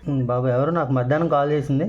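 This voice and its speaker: A man's voice: mid-range voice, steady tone, very fast, a little hiss or hum. A man, a YouTuber arguing heatedly on a phone call, combative and insistent, repeating himself to be heard. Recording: muffled, roomy, with loud crowd behind.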